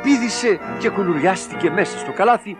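Man, children's storybook reading, expressive, very animated delivery, slightly high voice. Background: background music.

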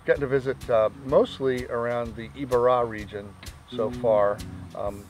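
A man's voice: mid-range voice, steady tone, moderate pace, darkish tone. A man, a birdwatching journalist, giving chatty, upbeat interview answers outdoors on a lakeside lawn.

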